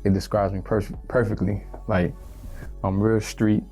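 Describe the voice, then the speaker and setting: Laid-back young man, flat and low. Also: a little slow, faint music behind. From Miami, Florida. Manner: laid-back street slang, lots of "you feel me". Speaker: rapper, interview guest. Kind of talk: casual interview.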